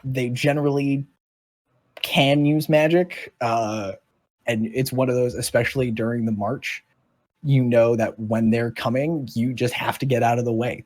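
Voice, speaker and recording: Husky-voiced man running a tabletop game. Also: medium pitch. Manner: casual and rambling, with many restarts. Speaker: dungeon master.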